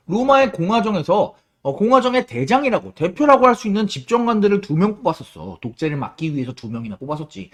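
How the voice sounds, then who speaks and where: A man teaching a history lecture to students, lively and casual, asking questions and answering them himself. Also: sits high. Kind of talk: classroom lecture.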